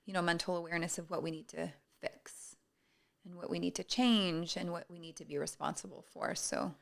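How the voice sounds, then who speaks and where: A woman co-hosting a podcast in a relaxed, reflective chat, with frequent fillers. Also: lowish voice, brisk, gravelly. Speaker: podcast co-host. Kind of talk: casual chat.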